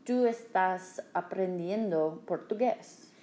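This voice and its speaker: Slow, mellow-voiced woman host. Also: lowish voice, slight background noise. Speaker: podcast host. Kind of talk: casual podcast conversation.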